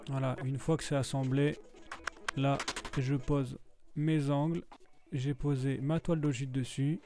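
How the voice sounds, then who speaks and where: A man narrating his craft vlog in a casual, slangy way, easily excited about his new gear. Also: mid-range voice, a little slow, background noise. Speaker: vlogger.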